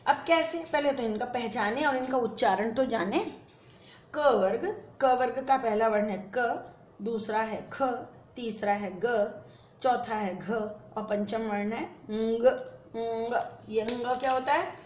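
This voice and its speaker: A woman's voice: a little high, takes it slowly. A woman teaching a Sanskrit lesson, patiently explaining and repeating word forms in drills, dropping English words into her explanations. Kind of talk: classroom lesson at a board. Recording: echoey room, dull lo-fi sound, faint noise.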